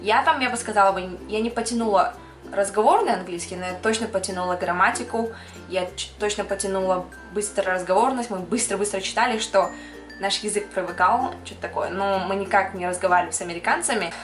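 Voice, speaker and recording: She's a young makeup artist from Kyrgyzstan, talking fast in a medium-pitched voice as she answers her viewers' questions on camera. Her chat is casual, peppered with English words and the odd laugh. Soft background music plays in an echoey room.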